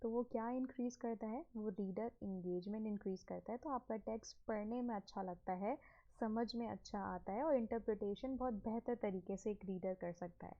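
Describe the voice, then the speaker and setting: A woman's voice: medium pitch, normal speed, dull audio. A woman, teaching from slides, mixing English phrases into Urdu and asking and answering her own questions. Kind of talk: explaining a slide lesson.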